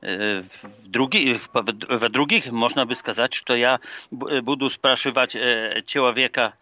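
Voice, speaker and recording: A man's voice: medium pitch, sharp tone, no echo, highs cut off. A man from Poland with a Polish accent, calling in to a live show and searching for words in a language not his own. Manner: halting, searching for words in non-native Russian. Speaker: phone-in caller. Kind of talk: live radio call-in conversation.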